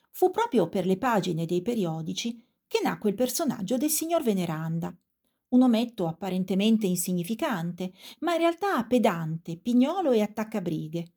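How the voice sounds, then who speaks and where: A woman narrating a scripted literature lesson in a measured, clear reading. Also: mid-range voice, warm tone.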